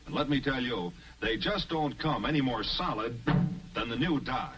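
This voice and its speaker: A man delivering a 1950s TV commercial pitch in a folksy, confiding salesman manner, heard as old broadcast audio. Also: normal speed, a bit bright, recorded from a distance, faint music behind, poor audio. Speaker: commercial announcer.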